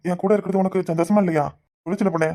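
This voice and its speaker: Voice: medium pitch, fairly even intonation, very fast, dark tone, lightly acted. A voice actor playing a coaxing young village husband in a cartoon, with a Kanyakumari Tamil accent. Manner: coaxing, pleading.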